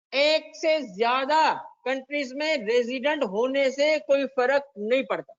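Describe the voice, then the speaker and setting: A Pakistani man teaching a tax class, quizzing students by name and repeating key points. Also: very high voice. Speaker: tax lecturer. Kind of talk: classroom lecture mixing Urdu and English. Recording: dull lo-fi lecture recording.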